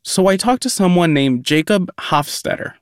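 A man's voice: sits high, expressive, normal speed. A man reporting on a news podcast, explaining his findings steadily.

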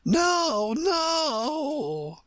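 Imperious Queen played by a man, piercingly high and drawn out, brisk commands with gracious condescension, storybook reading. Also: huge pitch swings, dry recording, heavily acted. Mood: urgent, commanding. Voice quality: shrill, swooping. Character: imperious brisk chess Queen, bossy yet politely condescending.

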